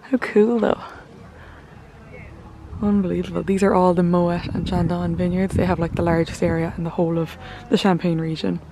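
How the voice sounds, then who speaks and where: A woman's voice: on the low side, little pitch movement, moderate pace, noisy background. A woman narrating a travel vlog in a chatty, gushing way, full of "like" fillers. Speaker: travel vlogger. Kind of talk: casual vlog narration to camera.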